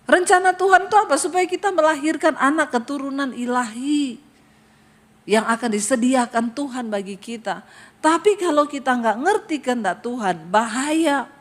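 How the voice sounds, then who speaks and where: A woman's voice: high voice, normal speed. A middle-aged woman pastor from Sulawesi preaching a humorous sermon, joking and acting out the people she quotes. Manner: lively, joking, acts out quoted voices.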